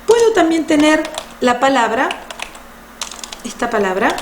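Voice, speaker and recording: A woman giving a language lesson, explaining French sounds patiently and slowly. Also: sits high, sing-song. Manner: patient, slow, spells out sounds. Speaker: French teacher. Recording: roomy echo with faint noise.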